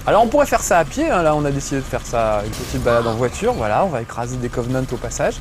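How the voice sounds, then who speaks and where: A man's voice: medium pitch, sing-song, fast, noisy background. A middle-aged man giving joking, chatty commentary while playing a video game, swearing casually. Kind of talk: gameplay commentary.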